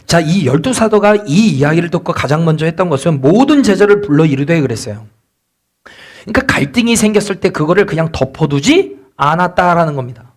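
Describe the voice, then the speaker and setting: A man's voice: fairly high pitch, lively intonation, a little fast. A male pastor preaching a sermon in a church, asking the congregation questions and acting out the complaints of church members. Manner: asks the congregation rhetorical questions. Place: church sanctuary.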